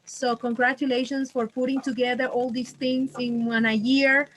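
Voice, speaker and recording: A woman from Venezuela speaks in a somewhat high voice over a video call. She talks in a friendly, grateful way, with many fillers and restarts. It sounds like a casual online chat. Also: level tone, moderate pace, slight background noise, poor audio. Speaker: webinar presenter.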